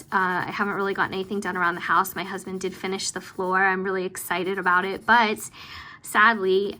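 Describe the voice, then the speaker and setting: A woman vlogger giving casual, rambling, self-deprecating commentary as she works, with vocal fry at the ends of her phrases. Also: fairly low pitch, pushed and bright, low-quality recording. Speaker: planner vlogger hosting budget updates. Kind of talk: casual chatty voice-over commentary while working.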